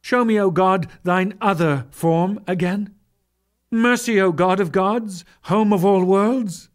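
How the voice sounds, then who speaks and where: Pushing his voice up high, a man performs a dramatic scripture reading as an awestruck warrior full of reverence. He pleads fervently and lets declamatory pauses punctuate his lines.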